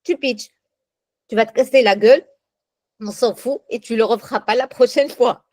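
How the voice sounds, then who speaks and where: A woman taking part in a casual group training chat, talking in a lively, encouraging way. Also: a little high, normal speed, no echo.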